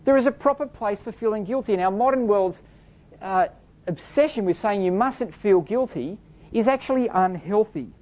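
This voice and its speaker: A woman's voice: medium pitch, animated, normal speed. A woman preaching a sermon in an earnest, explanatory way, asking rhetorical questions and reading scripture aloud. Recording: dull lo-fi recording.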